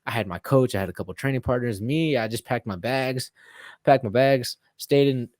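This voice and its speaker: In a casual interview, a guest fighter rambles through his stories with lots of fillers and swearing. His mid-range voice moves at a normal speed and is a little mellow, recorded in studio quality with no echo.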